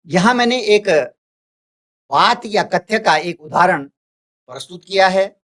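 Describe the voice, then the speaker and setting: A man's voice: high-pitched, animated, fairly bright tone. A male teacher giving a recorded lesson, explaining carefully and restating each point. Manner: deliberate, repeats and restates points.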